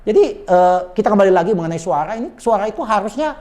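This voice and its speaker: A man coaching on sales manners in a lively conversational talk, explaining with quick asides and often addressing his listener politely. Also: high-pitched. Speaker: sales trainer.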